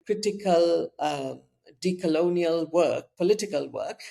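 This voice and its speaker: Host with a gravelly voice, slow thoughtful questions, lots of ums. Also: mid-range voice, warm tone. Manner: measured, reflective, many fillers. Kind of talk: interview conversation.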